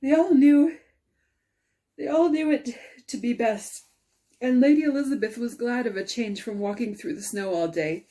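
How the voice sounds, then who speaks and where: A woman's voice: on the high side, normal speed, warm tone. A sniffly woman with a congested, sneezy air, reading a story aloud with casual asides. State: sniffly, sneezy, interrupted by coughs. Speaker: fiction reader.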